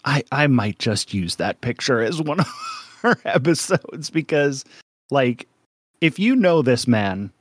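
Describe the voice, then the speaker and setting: A man's voice: mid-range voice, very animated, measured pace, no room sound, studio quality. A man co-hosting a casual podcast, rambling and joking with frequent laughs. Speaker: podcast co-host.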